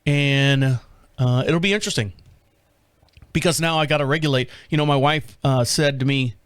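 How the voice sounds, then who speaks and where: A man's voice: mid-range voice, moderate pace, smooth, no room sound, clean studio sound. A man in his fifties hosting his own podcast, rambling through a casual solo monologue, self-mocking and laughing often. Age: 50s. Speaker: podcast host.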